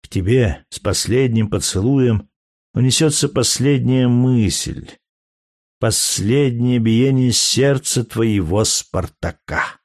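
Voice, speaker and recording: A man's voice: medium pitch, animated, slow, no echo, clean studio sound. A man reading an audiobook, voicing a doomed noble warrior's solemn, mournful farewell letter. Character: doomed male gladiator leader, noble, farewell.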